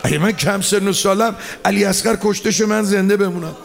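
A man's voice: high voice, fairly even intonation, gravelly. A man giving a mourning sermon, lamenting and chanting with emotion. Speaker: mourning preacher.

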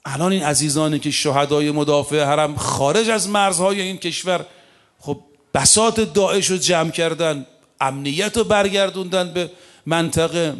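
A man delivers a religious sermon in a slightly high voice. He tells stories briskly and slows down to recite scripture in measured Arabic. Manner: recites Arabic verses slowly, then tells stories in fast colloquial Persian. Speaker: preacher.

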